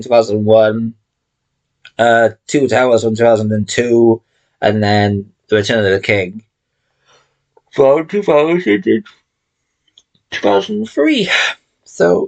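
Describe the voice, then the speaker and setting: A man's voice: medium pitch, a little mellow. A man in his thirties chatting casually through his film collection late at night, tired and yawning, rambling and swearing now and then. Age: 30s. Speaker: collection vlogger.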